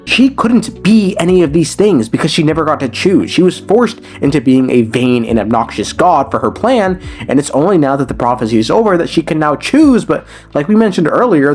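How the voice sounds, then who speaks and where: A man talking through video game lore in a relaxed, conversational commentary. His pitch rises and falls expressively as he makes his points, and faint music plays in the background. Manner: conversational and animated, with slangy asides.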